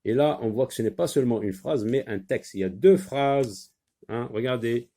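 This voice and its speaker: A man's voice: medium pitch, normal speed, dark tone. A man with a Maghrebi French accent, teaching a reading lesson and patiently sounding out syllables.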